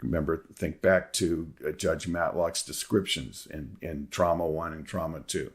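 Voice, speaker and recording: A man delivers an academic lecture in a low, deep voice. He is methodical, laying out his material in clearly numbered parts and stepping through each in turn. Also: fairly even intonation, normal speed.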